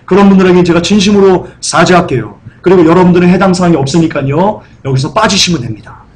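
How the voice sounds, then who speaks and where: A male pastor preaching a sermon, firing off rhetorical questions and acting out scenes with loud cries and sudden soft asides. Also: sits high, fast, poor audio. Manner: acts out scenes with loud cries and dropped whispers.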